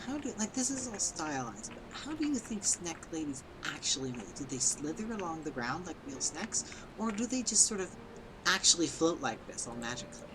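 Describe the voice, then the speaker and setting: A man's voice: a little high, sing-song, fairly quick, background noise. A man giving casual gameplay commentary, musing aloud in a rambling way. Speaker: game streamer. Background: music.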